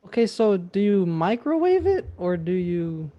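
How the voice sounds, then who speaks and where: A man's voice: high voice, big pitch swings, a little slow, highs cut off. A man hosting a casual online meeting. He introduces each speaker and makes light, teasing comments. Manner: friendly, light teasing remarks. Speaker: meeting host.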